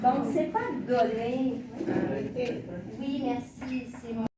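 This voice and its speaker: A woman's voice: fairly high pitch, slow pace. A woman teaching a class, speaking in short, simple phrases and demonstrating for learners. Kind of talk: classroom lesson. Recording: echoey classroom from far off, with room noise.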